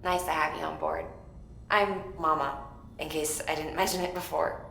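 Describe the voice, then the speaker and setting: Lowish-voiced easygoing woman engineer. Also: little pitch movement, moderate pace, a bit bright. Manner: informal, offhand. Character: casual, easygoing female maintenance chief. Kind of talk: video game acting. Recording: roomy echo, clear background noise.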